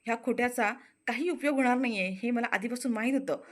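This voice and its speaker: A woman's voice: fairly high pitch, fast talker, a bit bright, lightly acted. A woman voicing a regretful man who reproaches someone and blames himself.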